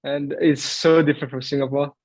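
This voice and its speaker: A man's voice: on the high side, level tone, a little fast, darkish tone, no echo, low-quality recording. A young man who grew up in Greece answering interview questions in a thoughtful, hesitant way, with many fillers. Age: young adult. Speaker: footballer guest.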